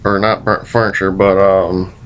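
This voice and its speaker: A man's voice: low-pitched, little pitch movement, normal speed, a bit bright, a little hiss or hum. A man casually rambling through a recounted dream in a hazy, puzzled way, groping for words, with folksy, mildly profane phrasing. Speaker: vlogger.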